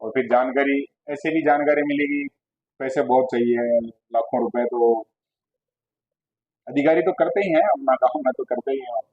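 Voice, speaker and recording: A man's voice: mid-range voice, moderate pace. A man teaching a classroom lecture, asking his students questions and then answering them himself. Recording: dull lo-fi classroom recording.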